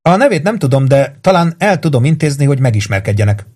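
A man reading aloud and voicing a composed woman who speaks calmly and dryly, with a quiet bitterness. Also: medium pitch, pitched above the performer's own voice. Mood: wry.

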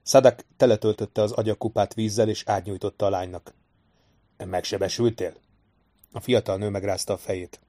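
A man narrating a fantasy novel as an audiobook reader, in an even, unhurried storytelling voice. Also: fairly low pitch. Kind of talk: scripted narration.

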